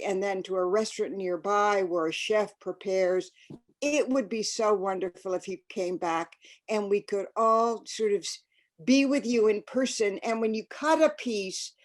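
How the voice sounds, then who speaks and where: A woman organizer giving effusive closing thanks to an online audience. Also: medium pitch. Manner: effusive, gushing praise. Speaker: event organizer.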